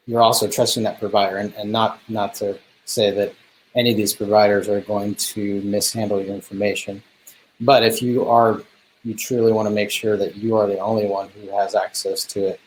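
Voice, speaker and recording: A man's voice: on the low side, a little hiss or hum, rough recording. A man co-presenting a business webinar, talking casually and hesitantly with many ums and restarts.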